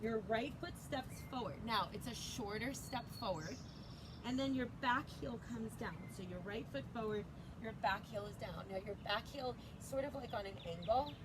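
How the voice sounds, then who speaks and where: A woman's voice: a little high, moderate pace, background noise. A woman teaching a yoga flow outdoors, cueing breaths and poses in a chatty, casual way. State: slightly out of breath. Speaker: yoga instructor.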